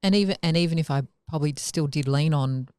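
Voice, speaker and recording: On a casual podcast, a woman with a low, fast, slightly mellow voice chats while thinking aloud reflectively, often restarting her sentences. Her tone is clear and resonant, with no echo.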